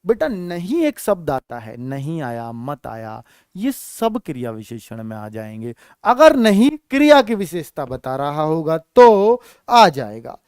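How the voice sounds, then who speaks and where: A man's voice: a little high, big pitch swings, measured pace, a little mellow, clean tone, no echo, clean studio sound. A man teaching an exam-prep grammar lesson, calling the students children and often checking that they follow. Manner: addresses students as children, asks checking questions. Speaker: Hindi teacher.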